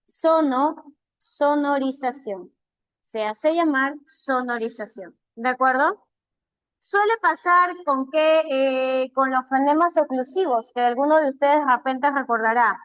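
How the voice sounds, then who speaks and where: A woman with a Peruvian Spanish accent teaching an online language class, patiently repeating key terms slowly. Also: sits high, fairly bright tone, no echo, low-quality recording.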